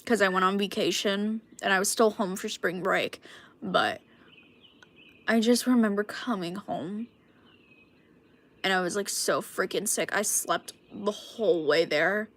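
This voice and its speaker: A woman's voice: mid-range voice, steady tone, moderate pace, fairly bright tone. Rambling young woman with a cough. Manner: rambling, filler-heavy, frequent "like". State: sick with a cough. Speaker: streamer. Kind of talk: casual chat with viewers. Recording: clicky background noise.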